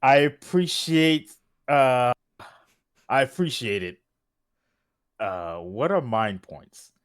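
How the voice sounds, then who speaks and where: A man voicing a tipsy, good-natured engineer in a tabletop game, halting and full of fillers. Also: mid-range voice, lively intonation, clean tone, dry recording, studio quality, voice pushed up.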